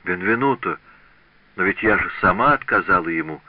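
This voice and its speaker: A man voicing a lively, mocking young woman in an audiobook. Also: deep voice, normal speed, dry recording, phone-quality sound. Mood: proud. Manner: laughing, teasing speech.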